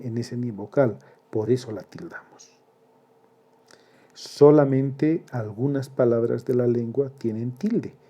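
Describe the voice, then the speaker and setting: Male Spanish grammar teacher, very mellow dark tone, measured explanatory delivery. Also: mid-range voice, muffled recording. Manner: slow and deliberate, spelling out syllables. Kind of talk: grammar lesson.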